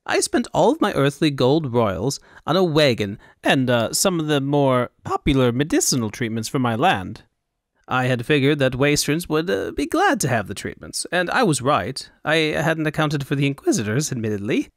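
A man voicing a foppish, talkative male noble with a high, affected fantasy accent, in a storybook audiobook. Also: big pitch swings, normal speed, dry recording, clean studio sound. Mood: chatty. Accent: high Elvunian fantasy accent. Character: foppish high-voiced male Elvunian noble, flamboyant and chatty.

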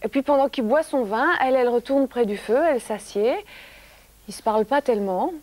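A soft-spoken woman telling a story to children in a TV studio, sometimes dropping to a whisper. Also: a little high, fairly quick, dry recording.

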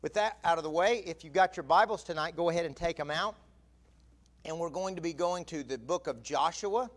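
Preacher, slightly high voice. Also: male voice, a little fast. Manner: conversational, rising to emphatic preaching. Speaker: assistant pastor. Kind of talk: announcements and sermon. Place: large church sanctuary. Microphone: pulpit mic, far camera.

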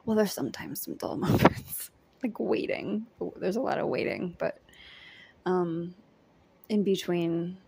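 A woman's voice: on the low side, unhurried, dark tone, slight background noise. A young woman chatting casually in a storytime diary vlog, giggly and often half-whispering, with lots of likes and ums. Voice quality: breathy, with vocal fry. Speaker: vlogger recounting a day as a background extra.

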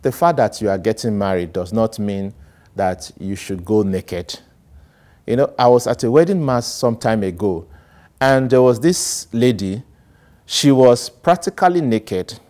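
In a small indoor studio set with plants, a priest wearing a lapel mic delivers a homily. He talks slowly but animatedly, with sweeping gestures, his male voice moving from loud emphasis to quiet asides.

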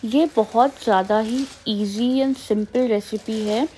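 A woman's voice: on the high side, steady tone, takes it slowly, mellow, a little hiss or hum. A young woman with a North Indian Hindi accent narrating her family vlog in a chatty way, slipping English phrases into her Hindi. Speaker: family vlogger.

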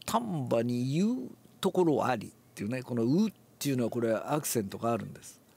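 An older man, relaxed and musing aloud, explains a classical Japanese text before reading it aloud and demonstrates with his voice. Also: mid-range voice, a little fast, vocal fry, slightly rough. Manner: relaxed, talks to himself, demonstrates accents aloud. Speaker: reading teacher.

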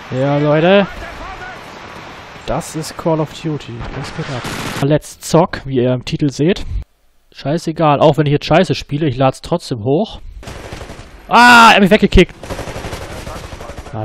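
A man hosting his own gaming channel, giving excitable, slangy let's play commentary and swearing often. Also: a little high, unhurried, a little hiss or hum.

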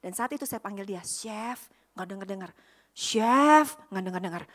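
A woman's voice: medium pitch, rapid-fire. A woman pastor from Indonesia preaching in a storytelling way, acting out the voices of the people in her story. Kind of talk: storytelling sermon.

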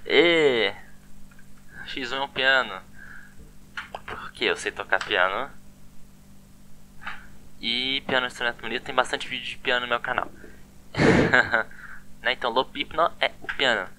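This language teacher talks at a normal speed in a mid-range, sharp voice, with slight background hiss or hum. His online lesson is casual and conversational, and he keeps echoing words with an inquiring "né?".

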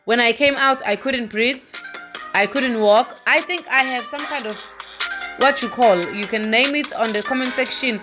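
A woman's voice: on the high side, moderate pace, music in the background. A woman chatting casually and rambling as she vlogs with a handheld phone, walking outside and into a cave. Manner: chatty, rambling, laughs at herself. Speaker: vlogger. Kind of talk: casual travel vlog. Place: walking outdoors, then inside a cave.

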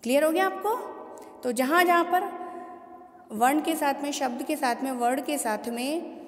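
A woman teacher with a high voice walks students through pronunciation, saying each word slowly and repeating it. She stops often to ask whether they follow. The sound rings around a hollow room with a long tail of reverb. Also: faint music behind. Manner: patient, repeats words slowly and asks students questions. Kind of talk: classroom lesson explaining Sanskrit pronunciation.

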